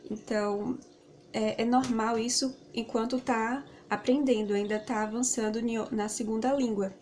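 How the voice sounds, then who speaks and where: A Brazilian woman, Portuguese her first language, talks through a relaxed English lesson in a slightly high voice. She rambles, with many fillers and tag questions along the way. Faint background noise is heard behind her. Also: moderate pace. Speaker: English teacher.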